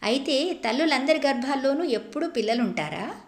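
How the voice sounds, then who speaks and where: A woman voicing a small, curious and innocent girl who keeps asking questions in a high, sing-song voice, in a storybook reading with an echoey room sound. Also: expressive, a little fast. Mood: innocent questioning.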